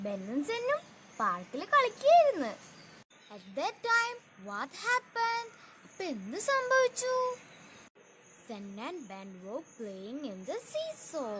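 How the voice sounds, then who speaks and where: A woman teacher with a Kerala accent gives an online class to first graders, asking the children slow, sing-song questions and switching between languages. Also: high-pitched. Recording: loud background noise.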